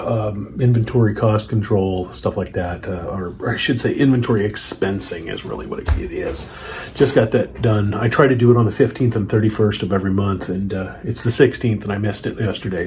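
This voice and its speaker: Wry American man, unscripted and halting, slightly low voice, slight noise behind. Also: a little mellow. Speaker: farm vlogger. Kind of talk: casual, unscripted vlog chat. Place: farm office, indoors.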